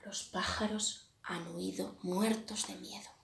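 A woman from Spain reading a children's picture book aloud in a lively, dramatic way. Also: mid-range voice, takes it slowly, gravelly, background noise. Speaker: storyteller. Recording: echoey room.

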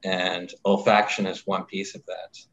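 A man's voice: deep voice, flat delivery, measured pace, fairly bright tone. A man speaking as a company chief and systems engineer in a panel discussion, casual and plain-spoken. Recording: slightly muffled lo-fi audio.

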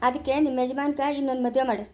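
A woman with a rural Chikkaballapura Kannada accent playing a domineering older mother-in-law who lectures in a low, firm tone. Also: fairly even intonation, racing, dark tone, natural voice. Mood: scheming.

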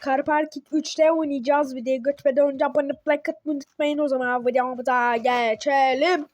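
A woman giving casual gameplay commentary as a channel host, excitable and talking back to the game when things go wrong. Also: sits high, moderate pace, no echo. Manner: excitable, talks to the game, grumbles and yelps at mistakes.

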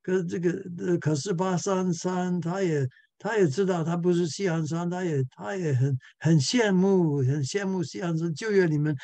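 A man's voice: sits high, normal speed, hardly any pauses, warm tone, dry recording. A male pastor giving a church Bible class lecture, chuckling often and repeating words as he searches for the next one.

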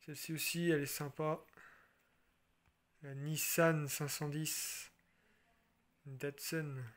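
A man from France casually showing his toy car collection, chatty and relaxed, with frequent fillers and restarts. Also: fairly high pitch, slow. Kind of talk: casual show-and-tell.

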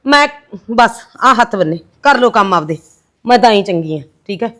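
A woman's voice: medium pitch, expressive, normal speed, a bit bright, close to an everyday voice. A middle-aged woman playing a resentful mother-in-law in a short film drama, scolding and sarcastic. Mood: bitter.

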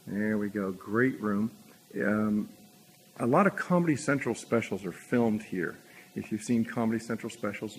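A man's voice: medium pitch, gravelly, long reverb tail. Man giving informal walkthrough, noisy recording. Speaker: stage hypnosis instructor and performer. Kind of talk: informal instructional walkthrough to camera. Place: empty theater, indoors. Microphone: handheld camera at arm's length. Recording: noticeable background noise.

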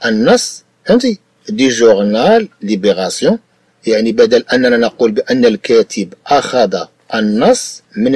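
A man with a Moroccan Arabic accent patiently tutors a student in French, repeating key points and checking understanding. His mid-range voice is a little mellow and husky, recorded with no echo.

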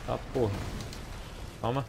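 A young man with a Brazilian Portuguese accent giving live gameplay commentary, excitable, swearing often and yelling at enemies. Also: mid-range voice, unhurried, vocal fry, a little hiss or hum. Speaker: gaming streamer.

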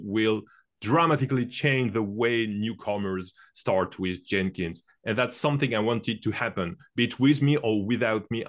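A man introducing himself as a mentor on a video call, thoughtful and hesitant with fillers. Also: on the low side. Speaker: meetup participant, GSoC mentor.

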